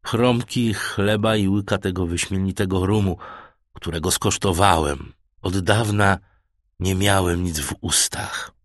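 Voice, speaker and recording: A man voicing a calm, self-assured shipwrecked sailor in an audiobook. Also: deep voice, unhurried, no echo, clean studio sound.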